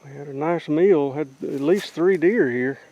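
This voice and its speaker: A man's voice: on the high side, unhurried, muffled recording. A middle-aged man giving plain-spoken, casual commentary as he explores the woods for a vlog. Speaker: outdoor vlog co-host. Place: outdoors in woods. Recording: faintly noisy outdoor field recording.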